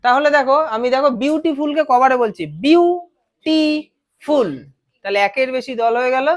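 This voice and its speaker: Woman, bengali accent, grammar teacher, fairly high voice, keeps checking the class understands. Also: fast. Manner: explains step by step with frequent questions to students. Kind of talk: classroom lesson.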